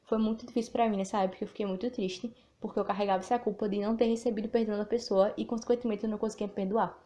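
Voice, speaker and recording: A warm, mid-range female voice races along with fairly even intonation. She's a podcast host and writer from Northeast Brazil with a Sergipe accent, a little nervous, reflecting informally before reading her own written text aloud.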